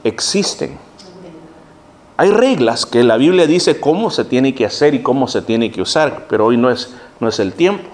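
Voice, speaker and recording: A man's voice: medium pitch, normal speed. A man who is a pastor, giving a sermon-style Bible study to his congregation, addressing them as brethren and acting out scenes as he speaks. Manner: animated preaching, acts out scenes.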